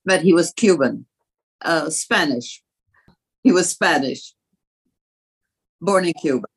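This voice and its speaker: A woman in her eighties from France, recounting family history as a guest in a measured way with frequent hesitant pauses. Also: sits low, animated, slightly rough, rough recording. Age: 80s. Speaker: guest, grandmother.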